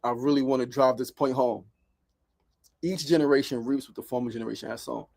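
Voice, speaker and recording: A man's voice: medium pitch, fairly even intonation, fairly quick, vocal fry, darkish tone. A man, hosting a motivational livestream and repeating rhetorical questions with emphasis. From South Jamaica, Queens, New York. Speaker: show host. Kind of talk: motivational livestream talk, reading viewer comments.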